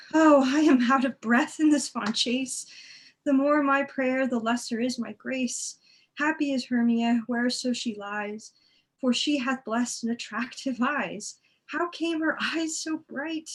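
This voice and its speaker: A woman's voice: high-pitched, unhurried. A woman reading the part of a forlorn, lovesick young woman in an amateur Shakespeare read-through, pleading and self-mocking.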